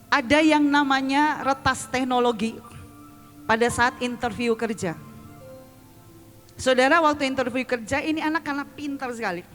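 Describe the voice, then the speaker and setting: A high-pitched woman evangelist delivers a lively sermon before a congregation. Her voice rings through a reverberant church hall while soft music plays faintly underneath. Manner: lively, addresses congregation as "saudara", asks for amens. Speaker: evangelist preacher.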